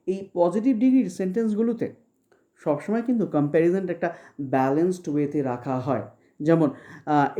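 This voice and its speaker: A woman from West Bengal teaches grammar in an online lecture, and her voice is deeply dark and warm. She explains step by step and often stops to ask whether everything is clear. When she reads English examples, she slows almost to a crawl and leans on each word. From West Bengal, India. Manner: patient, checks understanding with frequent questions; slows down sharply to read English example sentences. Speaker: exam-prep English teacher.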